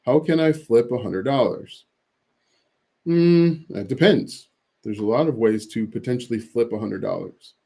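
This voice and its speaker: This male livestream host sounds medium-pitched with a dark quality as he works through questions pulled from the chat. His casual replies are full of fillers and false starts.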